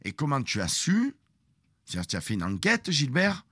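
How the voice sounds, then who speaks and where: A man's voice: medium pitch, moderate pace, breathy edge, no echo. A man telling a story on a live stream, acting out the confrontation dramatically. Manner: dramatic, animated retelling that acts out the confrontation.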